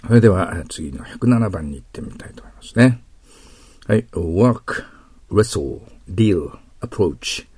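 A man's voice: low voice, lively intonation, a little slow, darkish tone, breathy edge, dry recording. A man teaching English exam questions in a patient lecture, often checking in with his listeners. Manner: patient explaining, frequent tag questions.

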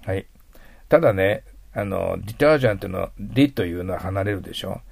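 A man's voice: low-pitched, animated, fairly quick, creaky, a little mellow, husky. A middle-aged man teaching an English vocabulary lesson, patient and explanatory, often trailing into a near whisper at the ends of phrases.

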